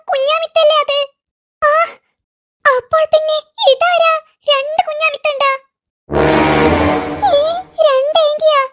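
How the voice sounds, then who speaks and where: A voice artist with a Malayali accent playing jittery, easily frightened young boys in a cartoon, chattering fast and wailing in fright. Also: very high-pitched, a bit bright. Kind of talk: cartoon voice acting.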